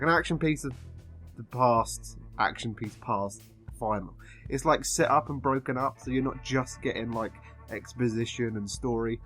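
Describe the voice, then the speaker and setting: A man with an English accent giving a casual film review, rambling and halting as if he has been drinking. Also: medium pitch, a bit bright. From England.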